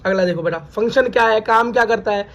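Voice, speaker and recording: Male Hindi-speaking biology tutor with a high voice, drilling terms through repeated questions, on a muffled lo-fi recording. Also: quick pace, vocal fry, fairly bright tone. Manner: repeats key terms as questions, calls students "beta". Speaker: biology teacher. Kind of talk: classroom lecture.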